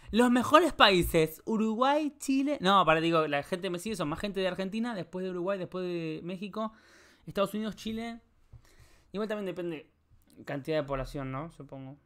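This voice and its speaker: Young male streamer, Rioplatense accent, loose and jokey, a touch high-pitched. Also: a bit bright, smooth. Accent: Rioplatense Spanish. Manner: rambling, joking, swears a lot, talks to chat. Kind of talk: casual live-stream chat while solving a puzzle.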